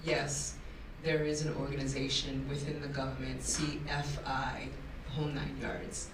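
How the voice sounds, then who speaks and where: A woman's voice: rumbling low, little pitch movement, unhurried, noisy background. Candid woman panelist in an echoey room. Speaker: diaspora entrepreneur panelist. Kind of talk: panel discussion. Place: large conference room. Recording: echoey room, distant mic.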